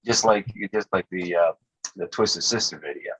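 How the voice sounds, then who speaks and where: A man being interviewed about his music career, telling stories in a casual, animated way and acting out the people he quotes. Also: sits low, moderate pace, husky. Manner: animated storyteller acting out quotes, laughs often. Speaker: musician guest. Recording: dull lo-fi audio.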